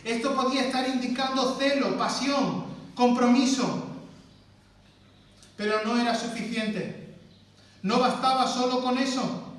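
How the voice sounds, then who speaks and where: A man's voice: extremely high pitch, fairly even intonation, measured pace, pauses often, fairly bright tone. A man preaching a sermon as pastor, stressing his points by repeating words. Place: church hall. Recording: very echoey church from far off.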